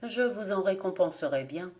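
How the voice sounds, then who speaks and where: A woman's voice: mid-range voice, expressive, moderate pace, darkish tone, close to an everyday voice. The plague, a woman voicing a pleading spirit. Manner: calling out, pleading. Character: plague as a lame female spirit.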